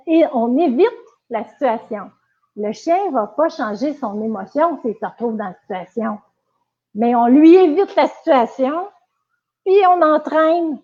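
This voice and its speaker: A woman with a Quebec French accent, giving a casual live-stream lesson as a dog trainer, chatty with many fillers and restarts. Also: high voice. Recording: tinny phone-like audio.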